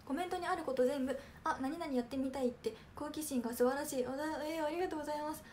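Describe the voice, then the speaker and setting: A young woman from Kanagawa chats on a livestream, answering viewer comments in a polite, soft-spoken way with plenty of little fillers. Her voice sits high and light, and a faint hiss of background noise runs underneath. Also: rapid-fire. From Kanagawa, Japan. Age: young adult. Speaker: idol trainee hosting a livestream. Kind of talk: casual livestream chat reading comments.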